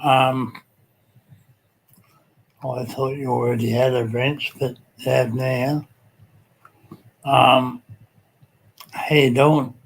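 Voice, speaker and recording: A man's voice: medium pitch, little pitch movement, very slow, creaky, long pauses, a little hiss or hum, poor audio. A man with a Tasmanian Australian accent hosts a casual live chat in a laid-back, colloquial, hesitant way, with lots of ums. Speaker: livestream host.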